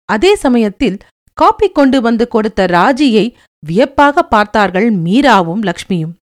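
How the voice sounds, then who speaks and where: A woman narrating a story aloud in a steady, expressive storytelling manner. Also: a little high, unhurried.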